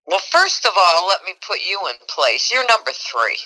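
A woman's voice: mid-range voice, big pitch swings, moderate pace, pushed and bright, poor audio. An older woman heard over a phone on speakerphone, talking bluntly and cracking wise in a casual family chat. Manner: blunt, wisecracking. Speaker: caller's mother on the phone.

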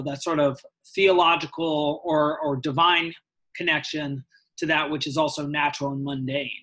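A man asking questions about a poem and reflecting on how to read slowly, in a conversational tone. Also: fairly high pitch, pushed and bright, poor audio. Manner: inquisitive, reflective, asks questions. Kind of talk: conversational close reading.

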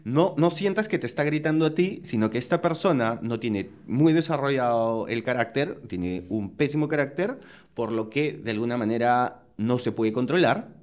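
A man co-hosting a podcast, explaining his point in an easygoing way with everyday examples. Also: medium pitch. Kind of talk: casual conversation.

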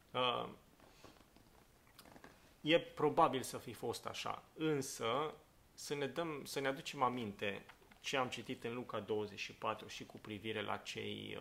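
A pastor leading a Bible study, reading scripture aloud and explaining it in a thinking-aloud way with many fillers and "right?" check-ins. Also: male voice, medium pitch, creaky, a bit bright.

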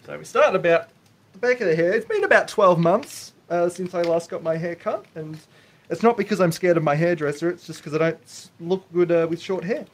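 A man's voice: high-pitched, fairly quick. A man chatting casually and wryly as a radio co-host. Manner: wry, narrating his own actions. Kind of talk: casual chat.

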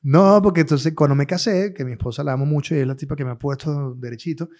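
A middle-aged Venezuelan man co-hosting a casual comedy podcast, joking and laughing often between drawn-out asides. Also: a little high, a little mellow. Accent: Venezuelan Spanish. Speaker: podcast co-host.

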